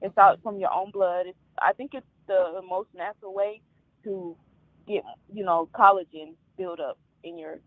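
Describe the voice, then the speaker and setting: A woman in her twenties, calling in to a live talk show and speaking candidly, often halting and trailing off. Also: medium pitch, fairly even intonation, no echo. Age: 20s. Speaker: caller. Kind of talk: call-in talk. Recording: tinny phone line.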